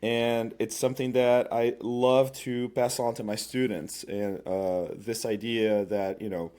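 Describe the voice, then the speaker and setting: A man's voice: medium pitch, measured pace, clean tone. Male guest from Brazil, easygoing and rambling, filler-heavy. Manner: relaxed, many fillers like "like" and "you know". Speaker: violin professor, guest. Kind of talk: casual interview talk.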